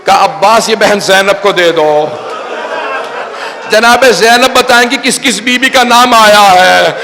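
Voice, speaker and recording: A male cleric delivering an impassioned elegy sermon to a mourning gathering, in a dramatic, pleading recitation that swells into cries. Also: sits high. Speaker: Shia cleric reciting a majlis. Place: mourning gathering hall with audience. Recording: live crowd audible behind voice.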